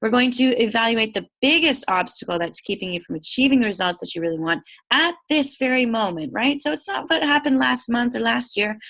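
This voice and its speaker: A woman's voice: on the high side, expressive, a little fast, few pauses, fairly bright tone. A woman with a stuffy, nasal voice from a cold, leading an online nutrition coaching session in a chatty, upbeat way with many fillers.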